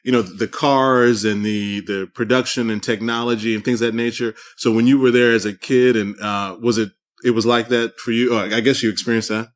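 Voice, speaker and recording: A man's voice: mid-range voice, fairly even intonation, brisk. A man hosting a casual interview podcast, thinking aloud and often repeating words as he frames his questions. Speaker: podcast host.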